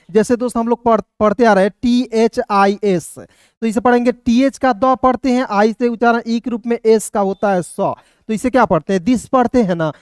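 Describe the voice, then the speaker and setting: A man's voice: sits high, darkish tone, clear, resonant tone, dry recording, studio quality. A man giving an online English reading lesson, spelling words out letter by letter and often addressing his viewers as friends. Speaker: English teacher.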